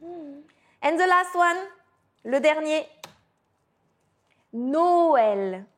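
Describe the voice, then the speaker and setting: Lady teaching basics, super slow and singsongy, playful. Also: high-pitched, lively intonation, fairly bright tone. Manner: slow, exaggerated pronunciation with playful asides. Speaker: French teacher. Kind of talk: language lesson mixing French and English.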